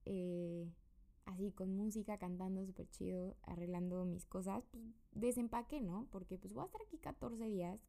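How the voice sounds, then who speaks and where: Chatty Mexican woman with a gravelly voice. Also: mid-range voice, dark tone. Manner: chatty and rambling, many fillers. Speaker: podcaster. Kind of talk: casual personal update monologue. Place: her room.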